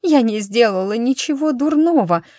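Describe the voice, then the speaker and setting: A woman's voice: medium pitch, moderate pace, no echo, clean studio sound, lightly acted. A woman voicing a proud, defiant queen in an audiobook, bitter in tone.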